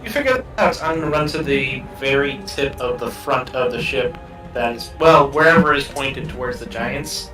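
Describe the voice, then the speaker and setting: A man's voice: mid-range voice, normal speed, pushed and bright, recorded from a distance. Male tabletop player in an echoey room. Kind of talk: casual in-game talk. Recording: echoey room, slightly off-mic, music.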